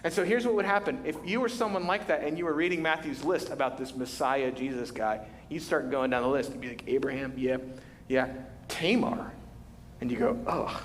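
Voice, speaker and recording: A man preaching a sermon as pastor, telling the story with lively, conversational energy and acting out the quotes. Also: medium pitch, brisk, a little hiss or hum. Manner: animated storytelling, acts out quotes. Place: large church hall. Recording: reverberant church hall.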